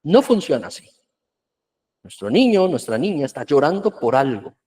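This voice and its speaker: A man explains children's emotions in a virtual workshop. His voice sits a little high for a man, and his delivery is earnest and steady. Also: moderate pace, breathy edge. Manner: earnest, explanatory, acts out parents' scolding in quotes.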